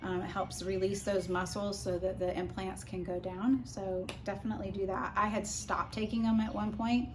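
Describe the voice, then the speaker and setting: A woman's voice: mid-range voice, level tone, moderate pace, few pauses. A woman vlogger chatting casually and informally as she explains practical tips. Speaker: vlogger giving a personal recovery update. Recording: clear background noise.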